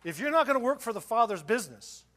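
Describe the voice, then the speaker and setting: A man's voice: very high-pitched, big pitch swings, quick pace, fairly bright tone. A middle-aged man preaching a sermon as pastor, impassioned, often repeating words and restarting his phrases.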